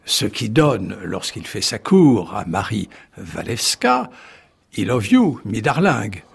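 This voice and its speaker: A male historian with a gravelly, deeply husky voice talks through a radio studio interview. His pitch swings widely as he tells it, full of wry asides and false starts. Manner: animated storyteller, wry asides and restarts. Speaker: historian guest. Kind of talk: radio interview, explaining at length.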